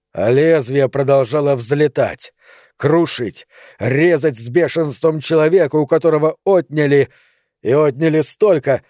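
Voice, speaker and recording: A man narrating a literary story in a measured, dramatic way with long pauses. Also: mid-range voice, a little mellow, no room sound, clean studio sound. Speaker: audiobook narrator.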